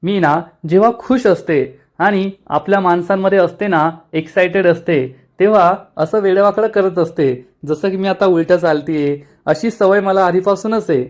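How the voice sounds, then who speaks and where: A man's voice: sits high, normal speed, hardly any pauses, close to an everyday voice. Man doing a playful young woman. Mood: teasing. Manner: bubbly, teasing.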